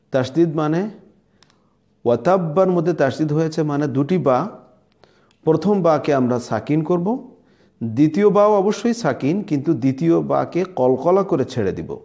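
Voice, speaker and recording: A man's voice: a little high, warm tone. A man with a Bangladeshi Bengali accent teaching Quran recitation, sounding out letters and words again and again as he explains. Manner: demonstrates letters and words aloud, repeating them. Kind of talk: slow teaching lesson.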